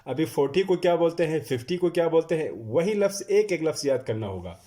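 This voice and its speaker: A man teaching a classroom lecture, drilling numbers slowly and stressing each one as he repeats it. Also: on the high side, expressive, dark tone. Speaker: Arabic teacher. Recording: echoey room.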